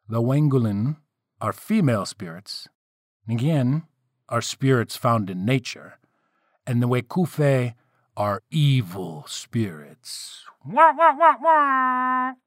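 A man's voice: mid-range voice, expressive, slow, darkish tone, dry recording, clean studio sound. A man telling a myth in a playful, wry way, with casual asides to the listeners. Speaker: storyteller. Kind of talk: casual storytelling narration of myths.

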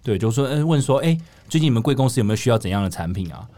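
A man's voice: mid-range voice, lively intonation, warm tone. A man with a Taiwanese Mandarin accent, chatting as a podcast co-host and retelling sales calls while mimicking the people he quotes. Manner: rapid, acts out quoted callers. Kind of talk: casual chat, storytelling.

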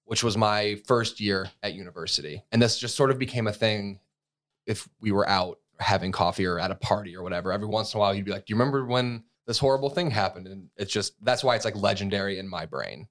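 A man in his thirties from the United States, co-hosting a podcast with a fairly low voice. He tells a story in an easygoing, conversational way, full of fillers and restarts. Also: quick pace, a bit bright. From USA. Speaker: podcast co-host. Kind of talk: casual chat.

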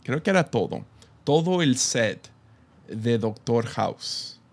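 A man's voice: mid-range voice, expressive, slow pace. Laughing, chatty Mexican man. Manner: chatty, laughs often, many fillers and restarts. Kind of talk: casual reflective talk.

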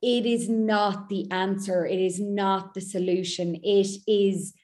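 A woman's voice: medium pitch, steady tone, slow, darkish tone. A woman speaking as a mindset coach in a podcast interview, making her points in short, emphatic, repeated sentences.

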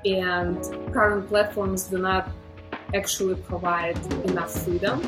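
A woman speaks with a Belarusian accent in a slightly low register. She explains things as an interview guest with measured, deliberate phrasing, and music plays underneath. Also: level tone. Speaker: interview guest, startup founder.

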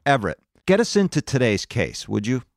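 A man's voice: mid-range voice, sing-song, fairly quick, gravelly, no room sound, clean studio sound. A man in his fifties hosting a podcast, talking through cases as a conversational true crime narrator.

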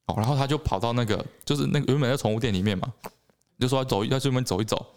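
Man podcast co-host, quick, relaxed, teasing chat. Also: mid-range voice. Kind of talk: casual chat.

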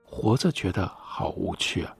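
Weary, despairing postwar lover, cold and resigned; low husky voice read by a male narrator. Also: moderate pace, no room sound, faint music behind, full character voice. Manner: flat, cold, resigned delivery.

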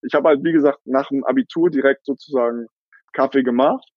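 A man's voice: mid-range voice, a little fast, no echo, lo-fi sound. A young man in his twenties telling the story of his coffee cart business in a casual interview, with many fillers and laughs.

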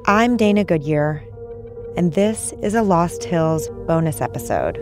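A woman hosting a podcast, narrating from a script in a measured, calm way. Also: fairly low pitch, over music. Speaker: podcast host.

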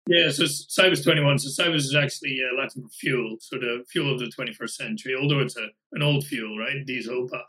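Scottish man, bright and forceful tone, chatty guest with lots of fillers and restarts. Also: mid-range voice, fairly quick, few pauses, low-quality recording. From Scotland. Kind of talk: casual podcast interview.

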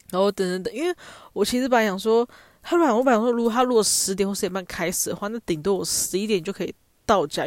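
A young woman with a Taiwanese Mandarin accent hosts a podcast, telling stories in a chatty, self-mocking monologue. Her mid-range voice comes through clean, with no echo.

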